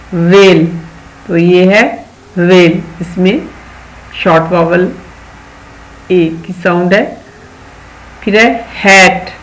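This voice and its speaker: A teacher from Pakistan with a Pakistani accent, giving a recorded video lesson to young children and repeating key words. The teacher reads English sentences slowly and deliberately and adds gentle moral advice for the children. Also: medium pitch, low-quality recording. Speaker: primary school English teacher.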